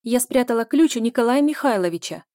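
A scared young woman holds her ground, her voice trembling and raised higher than the narration, as a woman reader plays her. It is a close, dry recording with a mellow tone. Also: animated, fairly quick, no echo, natural voice. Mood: insistent. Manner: trembling, pleading. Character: frightened young woman, stubborn.

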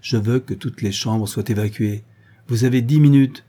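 A man's voice: medium pitch, normal speed, mellow, close to an everyday voice. A man voicing a cold, tense male police inspector who gives curt, commanding orders in an audiobook.

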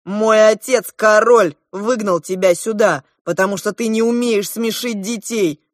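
A woman's voice: mid-range voice, measured pace, no room sound, studio quality, lightly acted. Young male prince, storybook hero, stern and commanding, a woman voices him. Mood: indignant. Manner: indignant, commanding.

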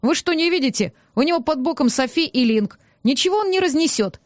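A woman's voice: high voice, expressive, fairly quick, no echo, clean studio sound, pitched above the performer's own voice. A woman voicing an outspoken middle-aged coffee-house owner who scolds the crowd indignantly in a raised voice. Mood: insistent.

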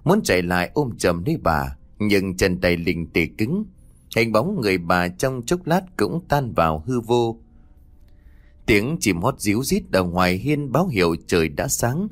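A man's voice: on the low side, sing-song, measured pace. A man narrating a scripted horror story with dramatic storytelling.

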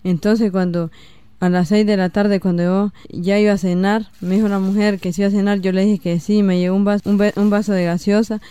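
A young woman with a Nicaraguan accent giving halting personal testimony, full of fillers and restarts. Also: medium pitch, flat delivery, warm tone, clean tone. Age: young adult. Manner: halting, many "este" fillers.

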